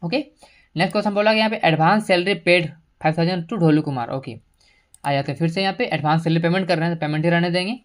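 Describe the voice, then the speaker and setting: A woman with a low voice teaches a screen-recorded computer lesson. She explains each entry patiently and in order, mixing in English terms as she goes, and clicks can be heard as she works. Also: fast talker. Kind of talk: screen-recorded software tutorial.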